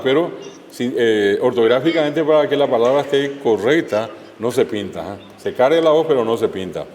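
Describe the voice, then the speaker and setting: A man teaching a language class, explaining spelling rules and repeating words slowly for his students. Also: medium pitch, a little mellow, big-room sound, a little hiss or hum. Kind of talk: classroom lesson with recitation drills.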